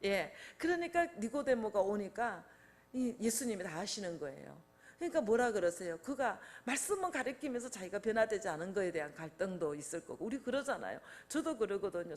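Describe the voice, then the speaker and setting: An older woman preaching a sermon in a conversational way, asking her listeners questions and acting out quotes with lively changes of voice. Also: mid-range voice, moderate pace. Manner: conversational, asks the congregation questions.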